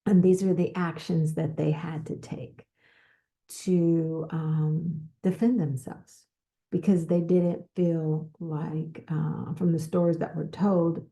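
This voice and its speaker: A woman with a deep, very dark voice talks slowly through advice on a podcast. She pauses often and repeats words as she gathers her thoughts. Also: little pitch movement, vocal fry. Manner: slow, repetitive, with pauses and restarts. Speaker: podcast host. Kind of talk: casual advice talk.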